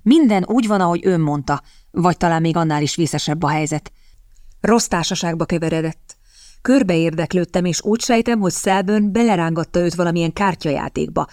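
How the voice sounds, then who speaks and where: A woman's voice: fairly low pitch, a little mellow, no echo, clean studio sound, natural voice. A woman reading the lines of a flustered young male army captain in an audiobook, in an urgent, agitated way.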